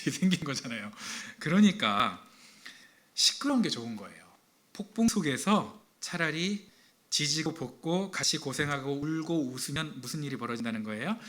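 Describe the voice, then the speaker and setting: A man's voice: mid-range voice, pushed and bright. A man preaching a sermon to a congregation, playful and teasing, asking questions and cracking jokes. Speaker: pastor. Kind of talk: humorous sermon with audience interaction. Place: church sanctuary.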